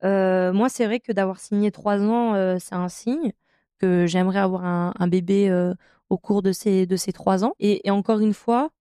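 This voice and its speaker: A French professional handball player in her thirties tells her career story in a podcast interview, hesitant and full of fillers yet warmly enthusiastic. Her medium-pitched voice is fairly even at a moderate pace, recorded with clean, echo-free studio quality.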